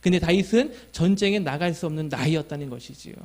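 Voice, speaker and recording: Pastor, man, high voice, earnest sermon delivery that asks the congregation questions. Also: fast, a little mellow. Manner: tells a family story and acts out his child's lines.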